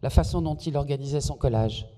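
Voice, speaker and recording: Male interpreter, very dark mellow tone, self-correcting delivery, long hall reverb. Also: medium pitch, fairly quick. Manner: fluent but self-correcting, with fillers. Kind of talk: consecutive interpreting into French. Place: large hall.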